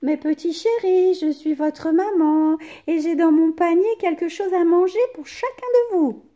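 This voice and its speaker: Woman doing caring mother goat, storybook, tender and slow, warm mellow voice. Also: very high-pitched, voice pushed up.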